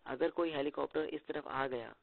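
A man's voice: mid-range voice, normal speed, creaky, dry recording. A man voicing a serious, cautious male guide who explains things in an earnest, matter-of-fact way, heard through tinny phone-like audio.

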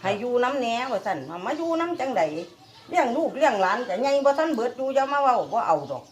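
Outdoors among a group of reporters, an older woman with an Isan accent recounts a dream in a rambling, casual way, repeating her words. Her voice is a little high and animated, and she talks fast.

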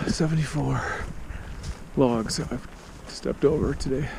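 Slow-talking hiker in loud wind. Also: male voice, mid-range voice, vocal fry. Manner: wry, swears casually, talks to camera while hiking. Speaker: hiker filming his trip. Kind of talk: casual vlog narration. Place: foggy mountain forest trail outdoors. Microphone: action camera carried while hiking. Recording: dull lo-fi audio with loud wind noise.

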